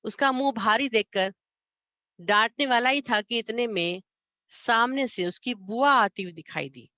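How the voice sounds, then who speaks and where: A woman's voice: on the high side, measured pace, sharp tone, no echo. Woman narrating a story, dry close sound. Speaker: literature channel reader. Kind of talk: storytelling reading and commentary.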